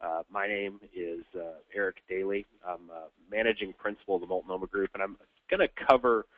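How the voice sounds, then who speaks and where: A deep-voiced man with a nasal, stuffed-up sound from a cold presents a business webinar. He talks haltingly, with lots of filler sounds. The audio is dry and tinny, like a phone line. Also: steady tone, no room sound. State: congested from a cold.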